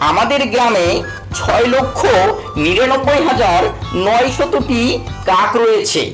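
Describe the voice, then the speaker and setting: A man playing a sly, witty village mullah in a cartoon, talking in an animated, folksy, teasing way. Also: very high voice, unhurried, music in the background, poor audio. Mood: confident, witty. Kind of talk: cartoon character acting.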